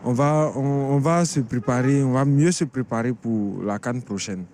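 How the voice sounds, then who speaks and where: A man's voice: medium pitch, normal speed, a little mellow, a little hiss or hum. A man in his thirties interviewed on the street, talking animatedly and often repeating himself. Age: 30s. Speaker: passer-by interviewed. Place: outdoors on a city street.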